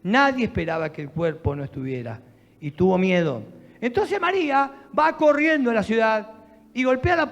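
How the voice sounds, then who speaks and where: Animated Rioplatense pastor preaching, gravelly. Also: male voice, high-pitched, big-room sound. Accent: Rioplatense Spanish. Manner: animated storytelling with asides and jokes to the congregation. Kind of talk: sermon.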